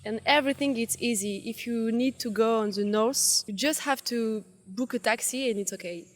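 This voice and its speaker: Woman, French accent, halting, searching for words, fairly high voice. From France. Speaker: tourist interviewee.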